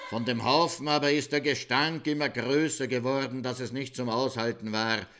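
A man's voice: medium pitch, fairly bright tone. Man telling a folk tale. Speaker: storyteller. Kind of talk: read-aloud folk tale narration.

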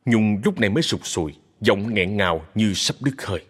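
A low, husky man's voice narrates a dramatic tale, rising and falling with a lively melody. A long reverb hangs behind him. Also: normal speed. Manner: steady, expressive storyteller.

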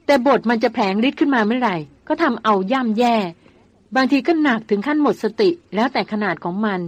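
A woman voicing a spirited young woman doctor who scolds and teases in a quick tongue, in a dry recording. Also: on the high side, dry recording.

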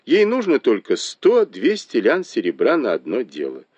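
A tactful young maidservant smoothing things over, as a male reader puts her on. He pitches her much higher than his own voice, with lively turns. The sound is dry and close. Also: moderate pace, dry recording, muffled recording. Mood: advising. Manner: reasonable, mediating.

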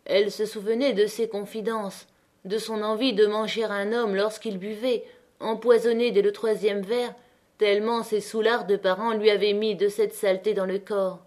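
A woman narrating a classic novel as an audiobook, with measured, dramatic reading. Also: mid-range voice, level tone, darkish tone. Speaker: audiobook reader.

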